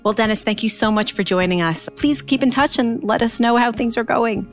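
A woman's voice: on the high side, a little fast, faint music behind. A woman speaking as a podcast host in a conversational interviewing style.

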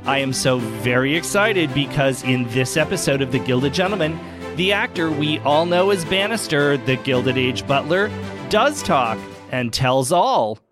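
Hosting a podcast from a club library, a man gives warm-up narration and an interview in an effusive, formal style full of theatrical phrasing. His mid-range voice is animated and measured in pace, with music behind it.

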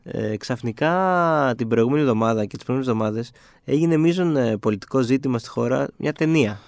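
A man's voice: medium pitch, animated, vocal fry, darkish tone, dry recording. A man co-hosting a podcast in a small studio, chatting casually with wry, weary exasperation. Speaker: podcast co-host. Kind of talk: casual chat.

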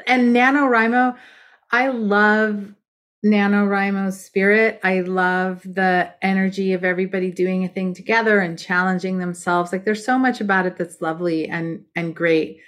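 A woman's voice: medium pitch, steady tone, normal speed, a bit bright. A woman book coach chatting as a podcast guest, emphatic and direct about how writing should be done. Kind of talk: casual podcast conversation.

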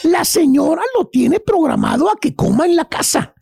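A woman's voice: high voice, big pitch swings, moderate pace, creaky, a crowd in the background. A woman with a Mexican Spanish accent hosting a radio comedy show, telling stories in rowdy, teasing banter. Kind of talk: joking banter.

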